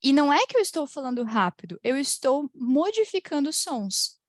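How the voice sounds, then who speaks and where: A Brazilian woman teaches English pronunciation over a video call. She speaks in a slightly high voice in a dry, close sound, drawing out the example phrases and laughing often. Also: dry recording. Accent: Brazilian Portuguese. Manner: lively, drawn-out model phrases, frequent laughs. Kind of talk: online English pronunciation class.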